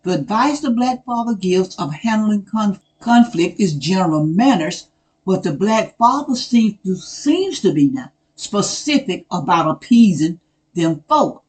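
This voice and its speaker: A man giving casual spoken commentary. He talks in an earnest, measured way, keeps asking rhetorical questions, repeats phrases for emphasis and addresses people directly. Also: high voice, lively intonation, a little mellow, low-quality recording. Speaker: video commentator.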